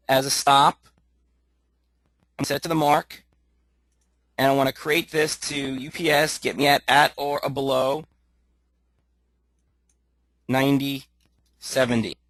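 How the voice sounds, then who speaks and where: A man coaching live trades on his screen, thinking aloud with lots of fillers and restarts, a little hoarse as his voice starts to go. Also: medium pitch, steady tone, measured pace, long pauses, a bit bright, no room sound. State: losing his voice. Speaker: trading coach. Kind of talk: live screen-share trading tutorial.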